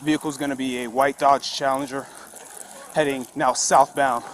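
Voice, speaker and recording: A man's voice: mid-range voice, flat delivery, normal speed. A man, a police deputy, calling in urgently over a police radio, speaking in clipped, repeated phrases. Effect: police radio transmission. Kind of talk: urgent dispatch call. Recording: loud noisy radio from afar.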